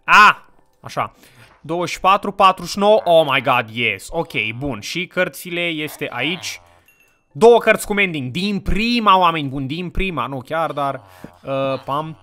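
A man chatting through a let's-play session with a bright, crisp voice that sits a little high for a man. He talks playfully, hams up a mock-villain act and jumps into excited bursts. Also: faint music behind. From Romania. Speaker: gaming channel host. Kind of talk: casual let's-play chat.

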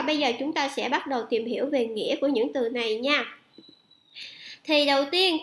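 Woman, Vietnamese accent, English teacher, bright high voice, switching between two languages, echoey room. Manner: slow, drawn-out repetition of words for students.

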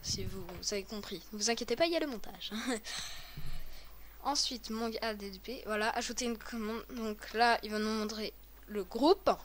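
Chatty high-voiced woman explaining a game. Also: moderate pace, a little hiss or hum. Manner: chatty, hesitant, many fillers and restarts. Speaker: host of a game tutorial video. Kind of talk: casual tutorial with a friend.

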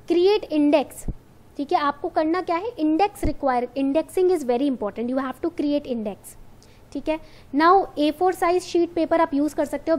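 High-voiced Indian woman teaching online. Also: a little mellow. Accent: Indian English. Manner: switches between English and Hindi, checks in with students often. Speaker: exam coaching teacher. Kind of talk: online exam-prep lecture.

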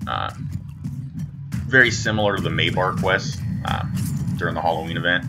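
A man with a very low voice talks through a video game as he plays it. His commentary is casual and unscripted, with game music clearly behind him. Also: moderate pace. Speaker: gamer commentator. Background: video game music and sound.

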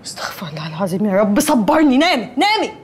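An actress with an Egyptian accent playing a brash, sharp-tongued poor young woman who mocks and jeers at others. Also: medium pitch, very animated, racing, a little hiss or hum, lightly acted. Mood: mocking. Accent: Egyptian Arabic. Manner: mocking and loud-mouthed. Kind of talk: TV comedy series acting.

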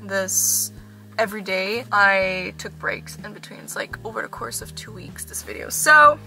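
A woman's voice: medium pitch, unhurried, gravelly, pushed and bright. A young woman from Canada chatting casually in a food vlog, bubbly and enthusiastic as she shows and tastes dishes. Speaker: food vlogger. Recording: music playing underneath.

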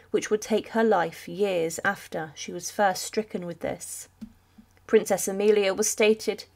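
A woman tells a royal history story as a voice-over. Her delivery is a steady, sombre reading with a mid-range pitch for a woman, paced like a documentary narrator.

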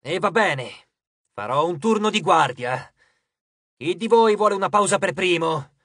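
A man voicing a gentle, weary male Titan of the West who works as a janitor, speaking in a low, calm, measured voice. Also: no echo, studio quality, exaggerated voice. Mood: resigned. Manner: slow, measured, quietly firm.

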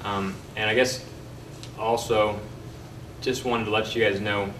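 A young man giving a prepared campaign closing speech as a candidate, earnest and halting with pauses. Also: lowish voice, little pitch movement, a bit bright. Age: young adult. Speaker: political candidate. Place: meeting room, at a podium. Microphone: podium mic, picked up by distant camera. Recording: roomy, distant mic, faint background noise.

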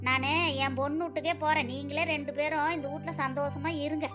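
A woman's voice: sits high, steady tone, brisk, over music, lightly acted. A woman voicing a bossy, demanding older mother-in-law in a cartoon, scolding and complaining about her diet. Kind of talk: cartoon voice acting.

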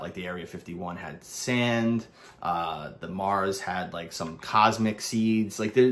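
A man with a Brooklyn New York accent, casually reviewing a bar of soap in a rambling way, full of restarts. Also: lowish voice. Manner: rambling, many restarts and fillers.

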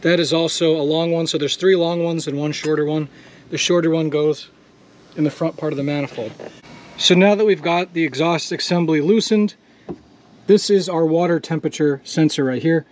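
A man's voice: fairly high pitch, normal speed, slight background noise. A man walking through a jet ski repair step by step in a casual, practical way, filming it himself outdoors. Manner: casual, step-by-step, swears when frustrated. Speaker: DIY mechanic host. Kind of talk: hands-on repair tutorial.

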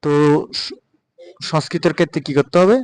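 A man with a Bengali accent giving a patient spoken pronunciation lesson, repeating example words slowly. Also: on the high side, a little hiss or hum, low-quality recording. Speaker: Sanskrit recitation teacher.

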